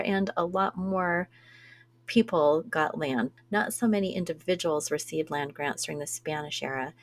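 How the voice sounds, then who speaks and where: Deep-voiced chatty woman podcaster. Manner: chatty, laughs easily, self-deprecating. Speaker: podcast co-host. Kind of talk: conversational podcast discussion.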